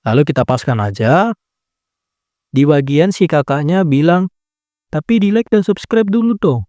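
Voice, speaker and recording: A young man records a casual screen-recording tutorial, walking through editing step by step in a laid-back, chatty way full of filler tags. His voice is a little high and dark-toned, with lively intonation at a moderate pace. The sound is studio quality with no echo.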